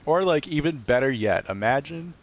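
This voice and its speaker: A man's voice: fairly high pitch, expressive, normal speed, highs cut off. A male streamer chatting casually on a live stream, rambling and saying "like" constantly. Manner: rambling, heavy use of "like".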